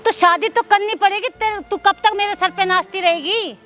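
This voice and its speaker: A woman's voice: very high voice, moderate pace, bright, forceful tone, faint music behind. An actress playing a harsh stepmother who nags and scolds her stepdaughter in a staged drama. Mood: scolding. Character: harsh scolding stepmother, middle-aged woman. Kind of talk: staged social drama acting.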